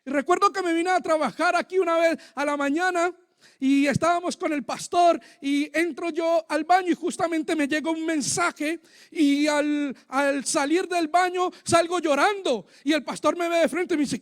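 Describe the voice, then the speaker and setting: A man preaching a sermon in a church, sharing a personal testimony with fervent emotion that swings between loud and soft. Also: extremely high pitch, fairly even intonation, moderate pace.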